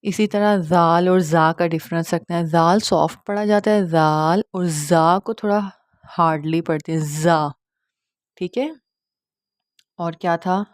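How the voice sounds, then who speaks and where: A woman teaches Quran recitation in a low, calm voice, recorded close in a dry space with no room sound. She stays patient and encouraging and keeps checking that her learners follow. When she models a letter she slows right down and says it louder and clearer. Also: no room sound. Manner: patient, reassuring, models letter sounds slowly and stresses them; often checks in with the listener. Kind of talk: explanatory online lesson.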